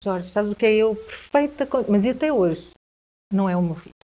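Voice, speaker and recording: A woman with a European Portuguese accent, telling a personal story as a guest in a conversation, with halting speech, frequent restarts and repeated words. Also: mid-range voice, animated, mellow.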